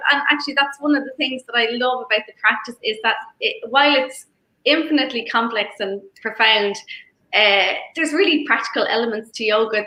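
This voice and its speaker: A woman's voice: on the high side, pushed and bright. A woman guest speaking about yoga practice in a reflective, easygoing way, laughing often. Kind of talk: conversational interview. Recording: echoey room.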